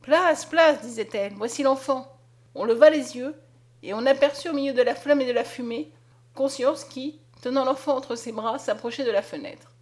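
A woman narrating a story aloud in a dramatic, expressive reading. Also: high-pitched, moderate pace. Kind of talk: scripted audiobook narration.

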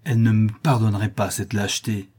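A man's voice: on the low side, fairly even intonation, fairly quick, a little mellow, husky. A man reading the part of a proud young woman, cold and defiant toward her father.

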